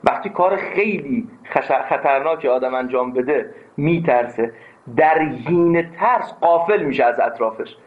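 A man teaching a philosophy class, speaking emphatically and breaking into anecdotes. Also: on the high side. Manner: emphatic, animated, tells anecdotes. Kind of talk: classroom lecture. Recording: tinny phone-like sound.

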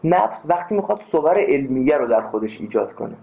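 A man's voice: fairly high pitch, vocal fry. A man teaching a philosophy class, speaking emphatically and breaking into anecdotes. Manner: emphatic, animated, tells anecdotes. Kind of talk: classroom lecture. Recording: tinny phone-like sound.

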